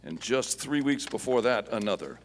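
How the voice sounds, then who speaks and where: A man playing a calm, commanding masked lawman of the Old West in a radio western, speaking deliberately. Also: medium pitch, lightly acted. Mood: grave, assured. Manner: deliberate, measured, authoritative. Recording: echoey hall, noisy live stage recording.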